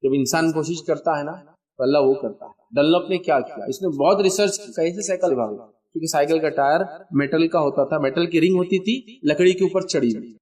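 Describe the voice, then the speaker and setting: A man's voice: fairly high pitch, a little mellow, distant mic. A man giving an emphatic, exhorting motivational lecture, mixing English words into his Urdu. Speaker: religious lecturer.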